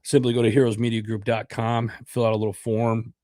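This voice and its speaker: A congested middle-aged American man hosts a podcast livestream, his cold obvious in his voice. He talks fairly quickly in a warm, mid-range tone with little pitch movement, rambling through fillers and repeated words. It's a dry, studio-quality recording.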